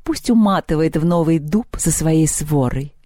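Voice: mid-range voice, unhurried, dark tone, no echo, studio quality, natural voice. A reader voicing a scheming, mocking ancient female villain who giggles and sneers.

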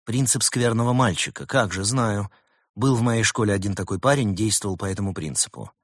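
A man voicing a shrewd talking male fox who explains things with lively insistence in an audiobook. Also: fairly low pitch, fairly quick, dry recording, studio quality, natural voice. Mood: knowing. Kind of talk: audiobook character voice.

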